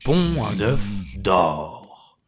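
A man voicing a huge greedy male ogre in a storybook reading, slow and far-sounding. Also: fairly low pitch, very animated, heavily acted. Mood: menacing.

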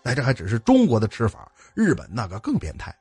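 A male storyteller with a husky voice tells a ghost story in a lively, colloquial way, his pitch leaping widely as he jokes along. The sound is close and dry, with faint music under it. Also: quick pace, no echo. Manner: lively, colloquial, joking asides. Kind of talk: spoken ghost story with asides.

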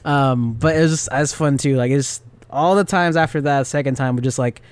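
A young man chatting casually, telling an animated story with lots of filler words and frequent laughs. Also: medium pitch, moderate pace, clean tone, dry recording. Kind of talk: casual chat.

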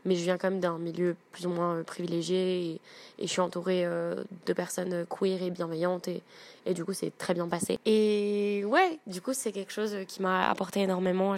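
Low, flat-voiced woman giving a testimony. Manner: hesitant, many fillers and restarts. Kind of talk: personal testimony.

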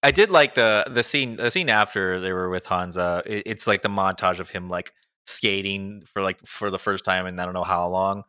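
A man's voice: deep voice, moderate pace, bright, forceful tone, clear, resonant tone, dry recording, clean studio sound. A young man casually chatting about a movie as a podcast co-host, laughing often and trailing off mid-sentence. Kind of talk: casual movie review chat.

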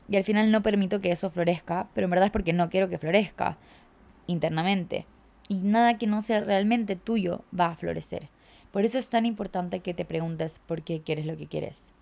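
A woman's voice: mid-range voice, vocal fry, darkish tone. A young woman from Chile hosting a podcast, talking casually and reflectively, with lots of filler words. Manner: chatty, reflective, filler-heavy with "como". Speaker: podcast host and coach.

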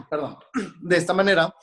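Man, Mexican Spanish accent, somewhat high voice, hair and makeup stylist, casual podcast storytelling, acts out other people's voices. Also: background noise. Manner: chatty, acts out voices of people in his stories.

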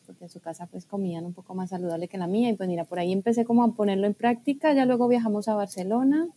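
A woman from Colombia, a guest talking through her story in a thoughtful, hesitant way with pauses. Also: medium pitch, warm tone, slight background noise. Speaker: guest, food scientist and blogger. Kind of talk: casual podcast conversation.

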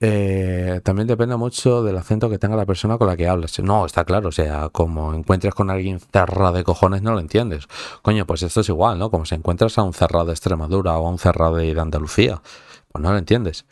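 In studio-quality audio without echo, a young Madrid native speaks in a deep, darkish, fairly even voice at a fairly quick clip. His casual chat with viewers, in a Madrid Spanish accent, wanders and turns profane, full of fillers and false starts.

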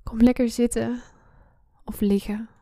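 A woman leading a guided meditation in a soft, breathy, soothing voice that often slips into a hushed spa-like whisper. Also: fairly high pitch, level tone, unhurried. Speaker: guided meditation podcast host. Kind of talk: slow guided relaxation meditation.

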